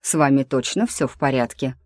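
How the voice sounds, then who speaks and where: A woman's voice: extremely low pitch, fairly quick, a little mellow, dry recording. A woman reading a curt male university teacher. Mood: puzzled. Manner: dry, curt.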